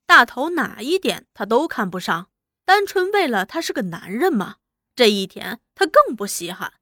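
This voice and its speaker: Woman narrator, serialized novel reading, animated delivery, bright tone, dry close sound. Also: a little high, normal speed, no echo. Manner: expressive, animated storytelling. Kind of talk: storytelling audiobook narration.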